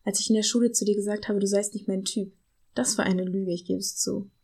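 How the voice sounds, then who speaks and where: A woman reading the lines of a heartbroken young man in a soft, hushed, tender voice. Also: high-pitched, level tone, fairly quick, breathy edge. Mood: tender confession.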